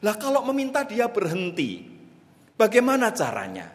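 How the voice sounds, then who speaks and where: A man preaching a sermon, telling a story dramatically and swinging between loud calls and hushed asides. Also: high voice, huge pitch swings, moderate pace, a little hiss or hum. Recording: long reverb of a large hall.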